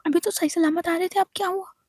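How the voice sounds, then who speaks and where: A frantic middle-aged mother from a storybook, her voice climbing high as anxious questions tumble out fast, put on by a woman reading aloud. The tone stays soft and mellow. The recording is close and dry. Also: steady tone, no echo. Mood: worried.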